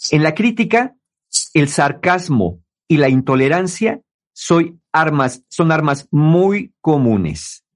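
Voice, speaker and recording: A man's voice: a little high, lively intonation, takes it slowly. A man giving relationship advice to listeners in a conversational talk, often mimicking the people he quotes.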